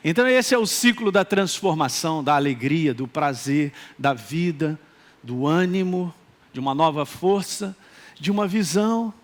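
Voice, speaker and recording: Male pastor, Minas Gerais accent, high and very expressive, animated sermon with humor. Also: normal speed. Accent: Minas Gerais Brazilian Portuguese. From Brazil, Minas Gerais. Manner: animated, joking, calls out for responses.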